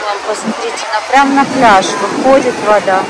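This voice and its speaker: A woman's voice: mid-range voice, moderate pace, over a noisy crowd. A young woman chatting casually to her vlog followers in short, affectionate phrases, recorded outdoors with wind on the mic. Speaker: family travel vlogger. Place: outdoors at a seaside resort. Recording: windy outdoor recording with loud ambient noise. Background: wind, people and street noise.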